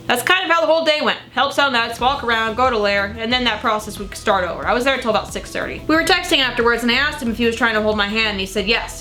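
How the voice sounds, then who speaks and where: A young woman with a bright, rather high voice reads her teenage diary aloud. She is theatrical and gushing, exclaiming and dropping into blunt, sweary asides. Music plays behind her. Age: young adult. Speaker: vlogger. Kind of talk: reading old teenage diary entries aloud with casual commentary.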